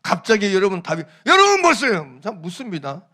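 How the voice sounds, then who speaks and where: A male pastor delivers a sermon in a bright, ringing voice. He talks with emphasis, repeats his key phrases and quizzes the congregation. His tone stays lively and animated throughout. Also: sits high, a little fast.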